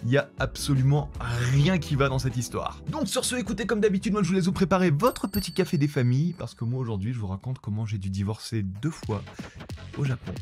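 A man telling a personal story to the camera at a rapid clip, joking and teasing his viewers as he goes. His voice sits at an ordinary middle pitch, and faint music plays underneath. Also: expressive, a little mellow. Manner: jokey, talks straight to viewers, teasing asides. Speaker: YouTube host.

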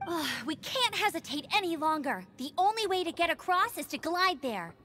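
A woman's voice: very high voice, very animated, normal speed, pushed and bright, a little hiss or hum, heavily acted. An actress playing a plucky, earnest teenage girl scout knight in an anime fantasy game, spirited and determined. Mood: worried. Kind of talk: video game voice acting.

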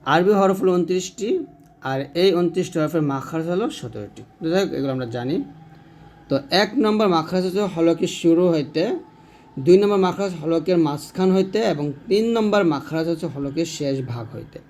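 A man, teaching a recitation lesson slowly and drawing out sounds to demonstrate them. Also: fairly high pitch, expressive, a little mellow. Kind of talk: explanatory lesson.

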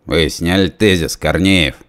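A lean, cold official who asks quiet, threatening questions in a dry, formal way, read by a man. Deep audiobook voice. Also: unhurried, smooth. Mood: stern. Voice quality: quiet, stern.

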